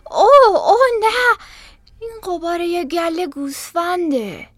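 A woman's voice: very high-pitched, sing-song, dry recording, pitched above the performer's own voice. A woman voicing a young sister keeping watch from a tower in a storybook, calling down her reports. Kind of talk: storybook reading.

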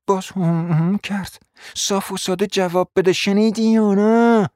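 A man's voice: little pitch movement, no echo, studio quality, close to an everyday voice. A man voicing a domineering, scornful middle-aged woman who barks orders and insults at her husband in an audiobook reading. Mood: contemptuous. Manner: shrill scolding, sharp commands and insults.

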